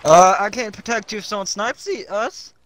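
A man's voice: sits high, normal speed, fairly bright tone. A man in casual chat while playing a game with friends, often giggling and teasing. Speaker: gamer.

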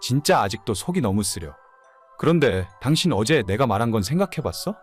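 A man's voice: medium pitch, big pitch swings, a little fast, soft background music, lightly acted. A man playing an immature, whining, hungover husband in his late thirties in a dramatized story. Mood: hungover, pleading. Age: late 30s. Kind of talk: dramatized audio story dialogue.

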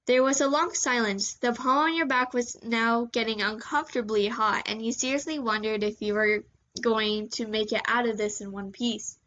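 A woman with a slightly sore voice reading second-person fanfiction aloud in a steady storytelling manner. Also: on the high side, moderate pace, highs cut off. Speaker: fanfiction reader.

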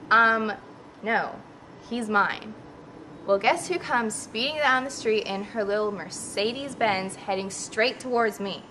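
A woman's voice: medium pitch, sharp tone, rough recording. A young woman playing a catty, jealous girlfriend telling her story as a sassy testimonial. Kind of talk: mock testimonial. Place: outdoors. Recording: faint outdoor background noise.

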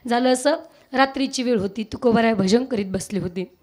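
A woman's voice: on the high side, a little fast. A woman kirtan preacher with a Marathi accent. She tells a devotional story, asks her listeners questions and breaks into sung verses. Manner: asks the audience questions, shifts between speech and sung verses.

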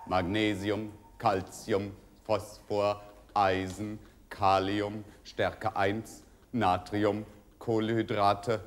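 An older man playing a dutiful impresario in a stage drama, formal, deferential and measured. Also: fairly low pitch, flat delivery. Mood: dry, methodical. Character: dutiful, servile male impresario attending a diva. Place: large dark theatre stage. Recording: faintly noisy stage recording, distant at times.

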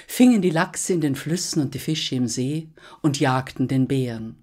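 A woman storyteller performing a fairy tale aloud, expressive and measured. Her pace is slow and unhurried, and her voice carries a soft, breathy edge. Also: deep voice.

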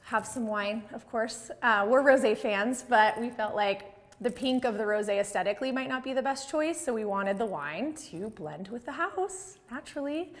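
An American interior designer in her thirties gives a casual, enthusiastic home tour, chatting into a clip-on lapel mic. Her voice is fairly high with lively intonation at a normal speed, and she moves through a large open-plan house with hard floors.

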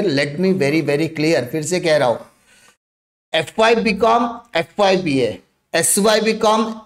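Young guy tutor going over exam dates for students, fairly high voice, keeps repeating stuff to make it clear. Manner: repeats dates and points for emphasis, addresses students directly. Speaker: online tutor. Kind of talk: explaining exam schedules to students. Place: indoor room, screen-share with face in corner.

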